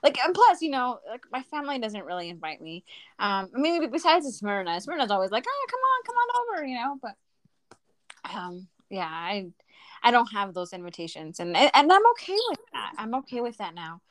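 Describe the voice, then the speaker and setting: A woman in her thirties co-hosts a podcast, chatting casually and animatedly while slipping in Spanish phrases. Her mid-range voice has a sing-song quality at a normal speed, on a dry recording.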